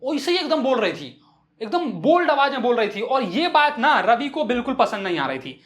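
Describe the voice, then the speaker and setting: A woman's voice: a little high, very animated, a little fast, roomy sound. A woman teacher explaining an English chapter line by line in Hindi, mixing in English phrases and acting out the characters' lines.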